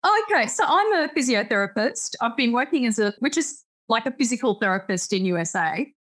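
A woman's voice: on the high side, expressive, fairly quick. A woman in her fifties with an Australian accent, a physiotherapist chatting as a guest in an upbeat way. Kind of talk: conversational interview.

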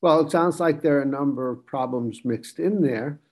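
A man's voice: on the high side, moderate pace, darkish tone. Firm, instructive man moderating. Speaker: discussion moderator. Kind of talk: professional discussion.

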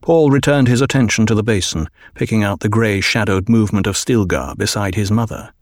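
Male audiobook narrator, even and measured, dry booth sound. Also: on the low side, no room sound.

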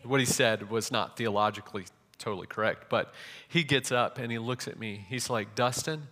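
A man's voice: lowish voice, steady tone, normal speed, bright, forceful tone. A young man preaching a sermon, telling a story animatedly with frequent restarts. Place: church hall. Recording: reverberant church hall.

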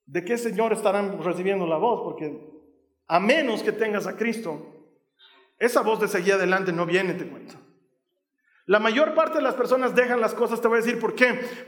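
A man preaching a sermon, asking the listeners questions and building to loud, fervent passages. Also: high voice. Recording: echoey hall with long reverb.

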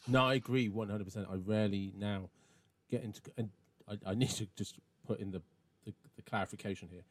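A man's voice: fairly low pitch, steady tone, fairly quick. A man hosting a podcast, talking casually and agreeably, sometimes stumbling over repeated words. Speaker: podcast host.

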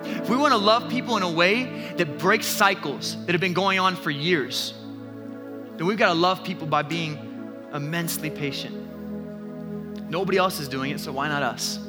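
A man in his thirties preaching a sermon, telling a story about his toddler son with lively, self-mocking energy and frequent restarts before turning earnest. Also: a little high, normal speed, over music. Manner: animated storytelling with self-deprecating laughs and repeated restarts. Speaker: pastor.

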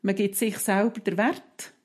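A woman who calmly explains parenting advice, step by step, in a casual podcast chat. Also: medium pitch, measured pace, husky.

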